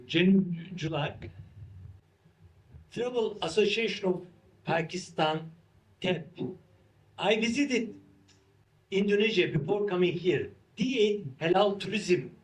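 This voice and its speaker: High-voiced man in halting English. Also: poor audio. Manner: halting non-native English in short phrases. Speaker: interview guest, institute founder. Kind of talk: unscripted interview talk.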